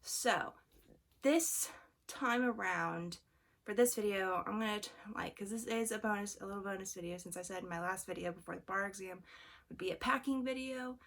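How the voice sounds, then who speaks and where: Congested young woman, gravelly rambling vlog. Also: mid-range voice, normal speed, fairly bright tone. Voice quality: throaty. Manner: rambling, many fillers and tangents. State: congested from allergies. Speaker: vlogger studying for the bar exam. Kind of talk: casual vlog chat. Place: room at home. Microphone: camera on a fixed angle.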